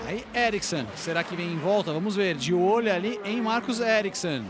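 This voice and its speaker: A Brazilian man doing live motorsport commentary as a play-by-play announcer, with an excited manner that builds toward drawn-out calls. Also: high voice, crowd noise. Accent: Brazilian Portuguese. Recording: engine and vehicle noise behind.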